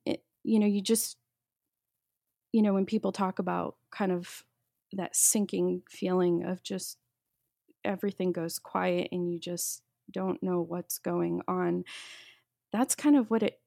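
Low, gravelly-voiced woman telling her story. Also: steady tone, warm tone, no room sound, studio quality. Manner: halting, many restarts and fillers while recounting. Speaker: guest sharing a testimony. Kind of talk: personal storytelling in an interview.

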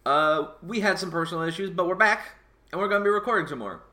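An American man hosts a casual gaming podcast, his voice bright and forward and set a little high for a man. He keeps the talk moving with joking, self-mocking banter. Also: fast talker. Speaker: podcast host, gaming historian.

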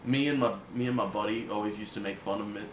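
A man's voice: lowish voice, quick pace. A man, a comedian guest on a crude podcast, rambling through a story with lots of filler and laughter. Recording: echoey room with light hiss.

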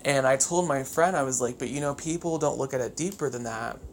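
Swearing freely and buzzing with over-caffeinated, chatty energy, a podcast host talks casually on their own. The medium-pitched voice moves fairly quickly, with clear background noise in the recording.

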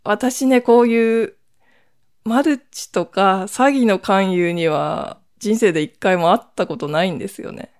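A woman's voice: medium pitch, unhurried, darkish tone. A woman hosting her own podcast, talking alone in a casual, chatty way with lots of rambling asides. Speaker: podcast host. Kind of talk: casual solo podcast chat.

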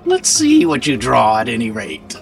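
A man voicing a greedy, gleeful male ghoul at a card table, mocking and gloating in a shrill voice. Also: wildly swooping pitch, moderate pace, gravelly, faint music behind.

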